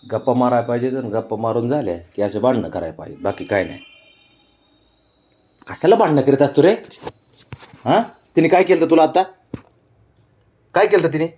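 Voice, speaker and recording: A man's voice: medium pitch, animated, fairly quick, pauses often, warm tone, a little hiss or hum. A man chatting casually with his pet cats in a coaxing, teasing way, scolding them playfully. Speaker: pet owner.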